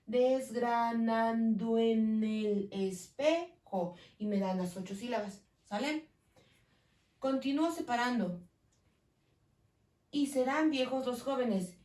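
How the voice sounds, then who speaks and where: A woman teacher with a Mexican accent giving a school lesson on poetic meter, slowly spelling out verses syllable by syllable and checking in with her students. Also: fairly high pitch, darkish tone, distant mic. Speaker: secondary school Spanish teacher. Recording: roomy sound from away from the mic.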